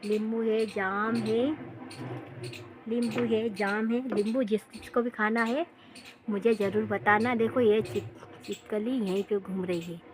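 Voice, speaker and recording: A woman's voice: medium pitch, steady tone, measured pace. Chatty woman showing round her home. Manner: chatty, repeats phrases, talks straight to viewers. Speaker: home vlogger. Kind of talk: casual home tour vlog. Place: home and garden, outdoors.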